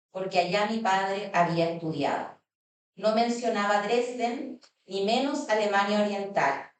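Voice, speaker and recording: A woman moderating a panel, reading a passage aloud at a measured, steady pace. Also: mid-range voice. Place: consulate event hall. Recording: echoey hall, distant mic.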